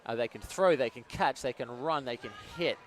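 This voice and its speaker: A man's voice: mid-range voice, brisk. A man speaking as co-commentator and league representative, earnest and enthusiastic about the players. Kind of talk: sports commentary. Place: outdoor sports ground.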